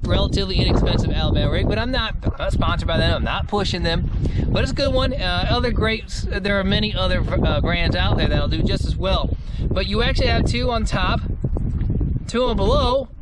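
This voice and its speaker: A middle-aged man hosting an instructional fishing vlog from an open boat on a lake, talking with enthusiasm and breaking into excited shouts. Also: high-pitched, brisk. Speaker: fishing show host. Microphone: boat-mounted camera. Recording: wind-buffeted outdoor camera audio. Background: loud wind and boat noise.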